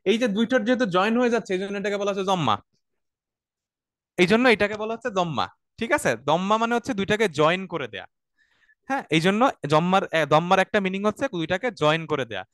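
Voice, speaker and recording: A man with a Bangladeshi accent teaches an online Quranic Arabic class. His voice sits high and sounds smooth and clear. The recording is close and dry, with no room sound. He explains patiently and keeps checking that his students follow. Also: a bit bright, dry recording. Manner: explains slowly, often asks "right?", has students repeat verses.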